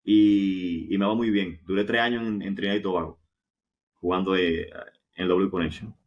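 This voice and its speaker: A man's voice: low-pitched, fairly even intonation, normal speed, muffled recording. A man with a Dominican Caribbean Spanish accent tells anecdotes casually as an interview guest, repeating himself and tossing in rhetorical questions. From Dominican Republic. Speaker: interview guest, professional football goalkeeper.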